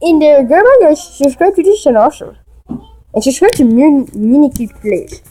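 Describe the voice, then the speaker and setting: A woman's voice: high-pitched, expressive, warm tone, poor audio. A woman voicing a rambling plush whale host. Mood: chatty. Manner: halting, rambling, many restarts. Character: plush whale host, chatty and easily baffled.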